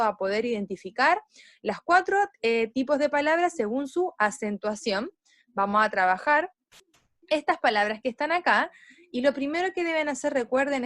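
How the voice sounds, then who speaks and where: A woman teaching young children, explaining step by step and drawing out syllables slowly as she models words. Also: a little high, no echo, clean studio sound. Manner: slow, stressed syllables when modeling words. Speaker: primary school teacher.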